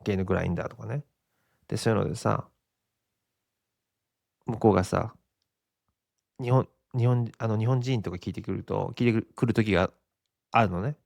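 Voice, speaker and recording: A man's voice: lowish voice, moderate pace, vocal fry, pauses often, darkish tone, dry recording. A Japanese man in his forties hosting a casual solo podcast, rambling and chuckling often at his own expense. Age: 40s. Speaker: podcast host.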